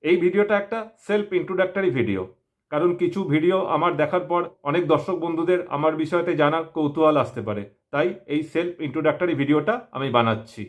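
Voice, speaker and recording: Quick, high-voiced masked Bengali man. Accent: Bengali from West Bengal. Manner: speaking through a face mask. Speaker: YouTube opinion channel host. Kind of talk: self-introduction talk to viewers.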